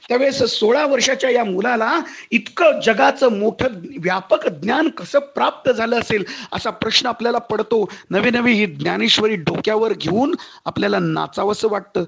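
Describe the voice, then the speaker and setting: Male lecturer, high gravelly husky voice, oratorical delivery with recited verses. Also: a bit bright. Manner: oratorical, addresses audience as friends, recites verses. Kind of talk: public lecture.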